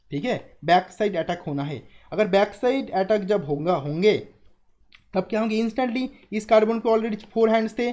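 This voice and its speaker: A man's voice: high-pitched, a little mellow. A young adult man teaching chemistry in a live online class, explaining step by step, repeating key terms and asking students questions.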